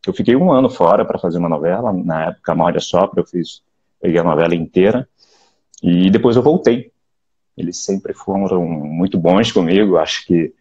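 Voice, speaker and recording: A Brazilian actor in his late forties from Rio de Janeiro with a Carioca accent, talking in a relaxed, reflective way over a video call, often restarting and adding "né?". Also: deep voice, vocal fry, husky, muffled recording. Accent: Carioca Portuguese. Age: late 40s. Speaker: actor, interview guest. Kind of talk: casual interview chat.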